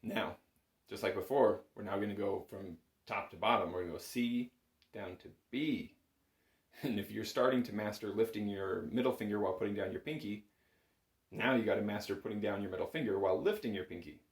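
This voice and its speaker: A lowish-voiced man teaches the bagpipe chanter fairly quickly in a small music room at home. His step-by-step lesson is casual, informal, patient and encouraging, and the room sounds roomy and echoing.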